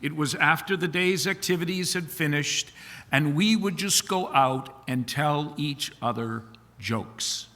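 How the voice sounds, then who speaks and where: A man, a rabbi, giving a eulogy with animated joke-telling and folksy asides in a synagogue sanctuary. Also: on the high side, a little slow. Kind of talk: eulogy with humorous storytelling. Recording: long reverb of a large hall.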